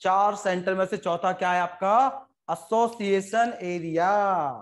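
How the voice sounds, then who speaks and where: Talking fast in a high voice, an Indian-accented man teaches a biology class with plenty of jokes aimed at his students. His stories come alive through quick, short character voices.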